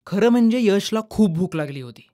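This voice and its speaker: A woman narrating a children's storybook in a calm, expressive way. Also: medium pitch, a little fast.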